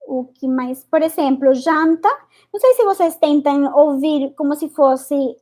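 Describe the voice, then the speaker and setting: A woman gives a pronunciation lesson in a high voice. She speaks slowly and carefully, repeating each word several times and deliberately exaggerating how it is articulated. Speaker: Spanish teacher.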